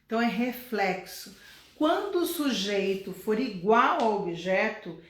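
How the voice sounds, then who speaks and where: A woman's voice: mid-range voice, animated, unhurried, roomy sound. A woman with a Brazilian accent explaining English grammar in a casual, chatty way, repeating points for emphasis. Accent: Brazilian Portuguese. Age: 50s. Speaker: English teacher.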